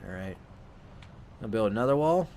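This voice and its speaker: A man casually commenting while he plays a video game, thinking out loud and often correcting himself. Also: lowish voice, expressive, moderate pace. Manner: rambling, self-correcting, thinking aloud. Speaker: let's play host.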